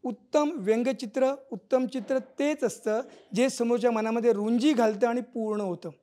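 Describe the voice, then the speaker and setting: A man's voice: very high-pitched, fairly even intonation, moderate pace, mellow. A middle-aged man, a cartoonist giving an explanatory illustrated talk on wordless cartoons, now and then acting out the characters' lines. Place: auditorium stage.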